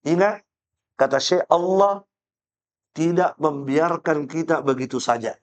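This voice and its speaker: A man's voice: fairly high pitch, a little slow. A man from Indonesia teaching a religious study class. He tells a story, acts out the people in it, repeats key phrases and often checks with listeners whether they follow. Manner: storytelling, acts out quoted voices, asks listeners "paham?"; explanatory, repeats phrases for emphasis. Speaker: Islamic teacher.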